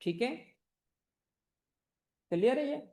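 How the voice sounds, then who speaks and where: A man's voice: very high voice, expressive, slow, mellow. A man teaching an exam-prep tax class that is also streamed online. He fires questions at his students, answers them himself, calls them fondly, and repeats the key points.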